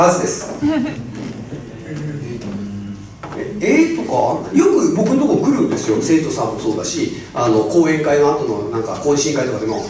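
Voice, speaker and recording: A man giving a speech-coaching seminar to a live audience on a handheld microphone, animated and laughing often as he swings between loud and soft delivery. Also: a little high, heavy reverb, distant mic, noisy background. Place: large hall with a microphone.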